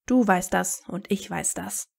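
A guarded teenage wizard, wary and bitter, clipped in every answer, as a woman reading a fan story puts him on. The voice stays close to her own and has a gravelly, creaky edge. It is a plain storybook reading rather than a full character voice. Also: on the low side, unhurried, exaggerated voice.

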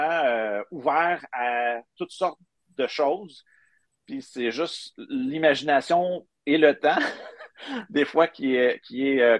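Appearing as a guest on a live video call, a middle-aged Quebecois man who creates digital bookmarks for books explains things casually from indoors. His fairly high voice comes through a webcam without echo.

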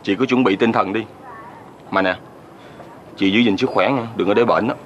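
A man's voice: on the low side, normal speed, dull audio, slight background noise, lightly acted. A man playing a blunt, joking brother-in-law. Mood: calm. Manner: teasing then calmly blunt. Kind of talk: TV drama acting.

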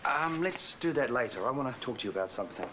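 A man's voice: mid-range voice, animated, quick pace, noisy background, natural voice. An actor plays an earnest, careful father in a TV soap. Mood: gentle, careful. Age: 40s. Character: earnest middle-aged father, careful and gentle. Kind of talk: naturalistic TV soap acting.

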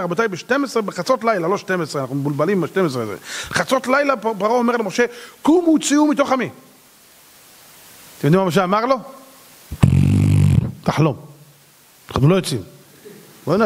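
A rabbi giving a Torah lesson to a congregation, telling the story with slangy asides, acting out the quotes and now and then breaking into shouts. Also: male voice, high voice. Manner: bursts into shouts.

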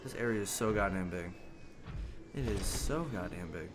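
A man's voice: deep voice, moderate pace, a little hiss or hum. A man giving casual gameplay commentary as host, rambling and joking, swearing often. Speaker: gaming video host.

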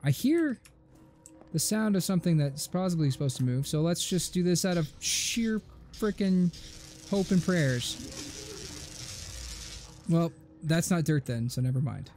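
A man's voice: fairly high pitch, lively intonation, a little slow, darkish tone, a little hiss or hum. A young man giving joking, sarcastic running commentary while playing a video game. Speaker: gaming host. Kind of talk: let's play commentary. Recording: faint game music behind.

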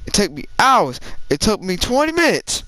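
A man giving casual gameplay commentary as a streamer, agitated and frustrated, swearing and rapidly repeating short phrases. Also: high voice, wildly swooping pitch, bright, forceful tone, no room sound, poor audio. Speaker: gamer streamer.

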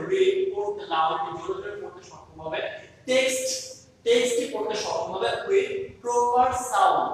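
A man's voice: high-pitched, a bit bright. A man teaching an English lesson, mixing English and Bengali and repeating each point. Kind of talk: online class lesson. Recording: echoey hall, distant mic, faint noise.

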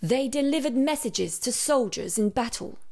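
A woman's voice: animated, normal speed. Woman voicing a dreamy old wise pigeon. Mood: wistful. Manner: wistful, dreamy, lower and hushed.

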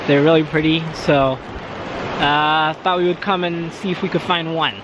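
A man's voice: fairly high pitch, little pitch movement, moderate pace, background noise. A man casually hosting a travel vlog outdoors, joking and laughing as he goes. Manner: jokey, laughing, playful. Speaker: travel vlogger.

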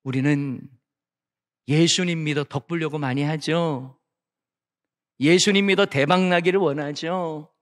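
Preaching at a revival, this middle-aged guest pastor has a strikingly high voice and a measured pace with long pauses. He moves from quiet, intimate stories up to loud, forceful declarations, and the sanctuary's long reverb lingers after every phrase.

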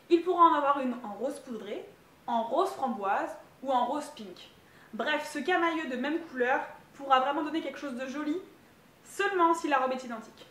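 A woman's voice: high voice, fairly bright tone, roomy sound. A woman, a wedding planner giving upbeat advice straight to the viewer in a tutorial. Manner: upbeat, direct to camera.

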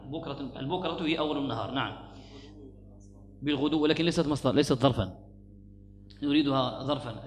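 A male teacher lectures on grammar at an unhurried pace, going back over key words and slowing down when he recites quoted verses. His voice rings through a large hall with a long echo, and a faint hum sits underneath. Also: a little high. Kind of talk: classroom lecture explaining a grammar poem.

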